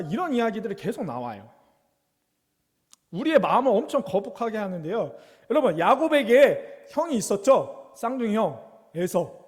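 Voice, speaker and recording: Young guy youth pastor w a high voice, chatty sermon to kids, asks them stuff, echoey church hall. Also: a little mellow. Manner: conversational, asks the kids questions. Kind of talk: sermon to children and teens.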